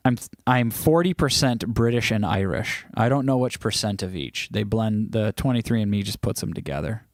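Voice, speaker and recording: This livestream host has a lowish voice with lively intonation and talks at normal speed, chatting loosely and poking fun at viewers while reading out their comments. His speech wanders with many restarts, captured in studio quality with no room sound.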